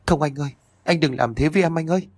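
A man's voice: fairly high pitch, fast talker, dry recording, voice pushed up. A man voicing a desperate young pregnant wife, pleading in anguish in a storybook reading.

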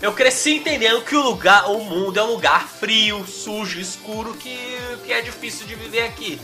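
A Brazilian man co-hosting a podcast, chatting casually in an animated, rambling way. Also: high-pitched, normal speed, soft background music. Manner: animated, rambling, fillers of "cara". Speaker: podcast host. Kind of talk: casual chat.

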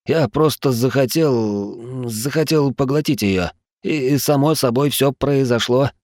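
A man's voice: mid-range voice, sing-song, normal speed, no echo, clean studio sound, voice pushed up. A man voicing tense, sarcastic male companions in an audiobook, lifting his voice above his narration. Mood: dazed.

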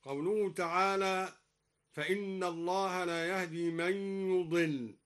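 High-voiced man teaching Quran readings. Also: fairly even intonation, a bit bright, clean tone. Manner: measured, explains each reading and then chants the verse. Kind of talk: radio lecture on Quran readings. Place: radio studio.

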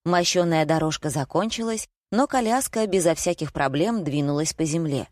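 A woman narrating an audiobook in the first person with lively, expressive storytelling. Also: deep voice, normal speed, no room sound, studio quality.

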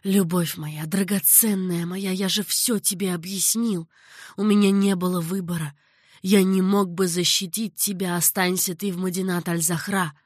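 A woman's voice: on the low side, fairly even intonation, moderate pace, no echo, clean studio sound, natural voice. Woman reading a grave, tender caliph. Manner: earnest, patient, sorrowful. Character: older male caliph, grave and tender ruler.

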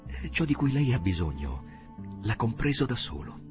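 A man's voice: medium pitch, sing-song, moderate pace, over music, lightly acted. A man reading aloud who voices a refined young woman, patiently and kindly explaining things to a young man. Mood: gently instructive. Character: refined young woman gently tutoring a suitor.

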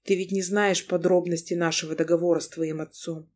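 A woman's voice: on the low side, little pitch movement, a little fast, a little mellow, lightly acted. Brief: anxious, pleading young husband in a woman reader's own voice; audiobook reading. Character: frightened remorseful young husband.

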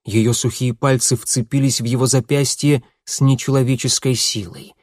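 Steady male audiobook narrator, dry sound. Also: medium pitch, no room sound. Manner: steady, measured storytelling.

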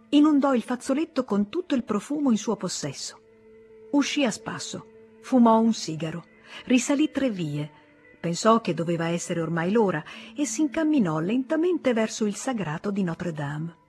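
A woman narrates a classic novel in a measured, expressive way, her voice husky and breathy, pitched in a middle range. A quiet thread of music sits faintly behind her. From Italy. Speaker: audiobook reader. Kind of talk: literary narration.

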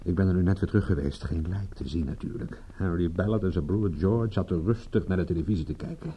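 An actor, lightly acting, voices a hard-nosed, impatient and shrewd private eye in a Dutch radio play, firing off pointed questions with authority. He speaks low and quick in a grim, subdued mood, on lo-fi audio with slight background noise.

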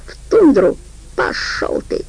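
A woman voicing a defiant armed young woman who talks in a sharp, mocking tone. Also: slow, natural voice, rough recording.

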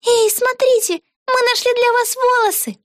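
A woman reading a storybook aloud and voicing an anxious, cautious young girl witch in a very high voice. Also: fairly even intonation, moderate pace, dry recording, studio quality. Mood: excited. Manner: worried, earnest.

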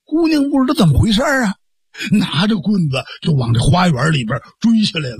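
A man with a Beijing accent telling a traditional story in a lively, theatrical way. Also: sits high, brisk, husky, dry recording, studio quality. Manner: lively, theatrical narration with fillers.

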